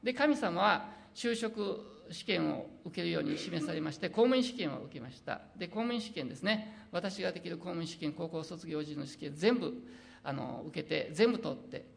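A middle-aged preacher and missionary from Osaka with an Osaka accent. They give an earnest sermon, read scripture slowly, and slip into dialect. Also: mid-range voice, animated, creaky, a little hiss or hum. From Osaka, Japan. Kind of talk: sermon with personal testimony.

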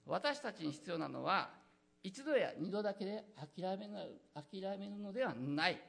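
A preacher delivering an earnest sermon, pitch swinging widely through the phrases. The voice is husky and gravelly, and it often hesitates on fillers. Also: animated, moderate pace, fairly bright tone. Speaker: pastor.

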